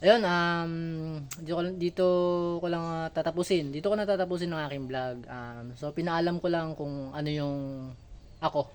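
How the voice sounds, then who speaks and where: A Filipino man talking casually in a vlog, candid and halting, with speech shaped by missing front teeth. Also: fairly high pitch, fairly even intonation. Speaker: vlogger.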